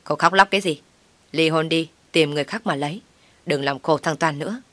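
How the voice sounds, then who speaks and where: A woman's voice: a little fast, fairly bright tone, no room sound. A woman voicing a scolding older mother-in-law who nags and shrieks in a raised voice. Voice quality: shrill, nagging.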